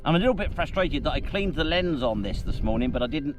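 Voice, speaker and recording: A man's voice: fairly high pitch, animated, quick pace. A man presenting an outdoor vlog, chatty and self-mocking, recorded on a camera mic on an exposed hilltop. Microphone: camera mic carried outdoors. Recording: heavy wind and rain noise outdoors.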